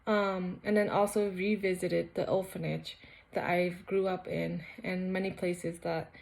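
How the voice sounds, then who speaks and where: A woman's voice: fairly low pitch, little pitch movement, unhurried, gravelly, a little mellow. A young woman from Cambodia sharing her personal faith testimony in a casual, earnest, rambling way with many fillers. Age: young adult.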